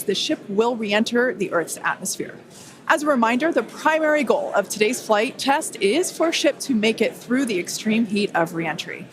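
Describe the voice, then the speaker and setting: A woman hosting a live launch webcast, explaining the flight in a clear, upbeat way. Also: fairly high pitch.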